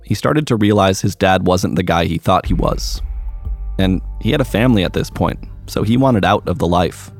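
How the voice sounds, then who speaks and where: A male reporter giving scripted narration in a measured, even way. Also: low-pitched, faint music behind.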